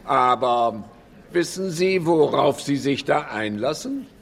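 A man's voice: mid-range voice, very animated, takes it slowly, creaky, full character voice. An actor playing a dry, haughty, skeptical male professor, speaking formally and scornfully in a radio drama.

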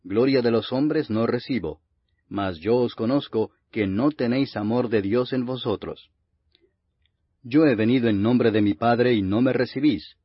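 A man's voice: mid-range voice, unhurried, slightly rough. A man reading the Bible aloud as a scripted narration, in a solemn, grave and declamatory manner. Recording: muffled, reverberant lo-fi audio.

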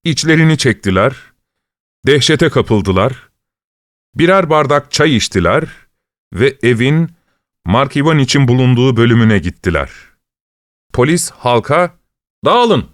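In this scripted narration, a male audiobook narrator with a medium-pitched voice delivers a story at a calm, steady pace. The studio recording is clean and free of echo.

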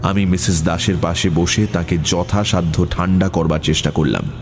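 A man narrating an audiobook story in a measured storytelling manner. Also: sits low, background noise. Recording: music bed under voice.

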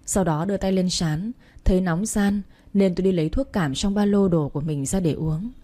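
A woman narrating a sad story as an audiobook reader, reading slowly and sorrowfully with emotion. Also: fairly low pitch, warm tone.

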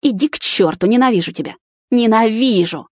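A woman's voice: lively intonation, a little fast, a little mellow, no room sound, studio quality. A woman voicing a furious, jealous young woman who screams and sneers in an audiobook. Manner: shrill, screaming, scornful. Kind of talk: audiobook character voice.

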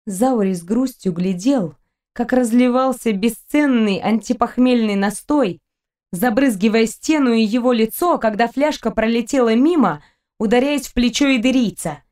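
A woman narrating a novel as an audiobook reader in an even, measured way. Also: fairly high pitch. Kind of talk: scripted narration.

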